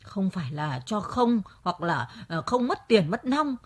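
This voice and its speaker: An actress playing a worried, nagging older village wife in a radio drama. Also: female voice, mid-range voice, big pitch swings, a little slow. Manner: nagging, exclaiming.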